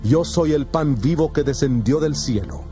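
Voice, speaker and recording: A man's voice: fairly high pitch, natural voice. Jesus, a man playing a solemn teacher. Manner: measured, solemn, declamatory. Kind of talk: dramatized scripture reading. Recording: music playing behind the voice. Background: background music.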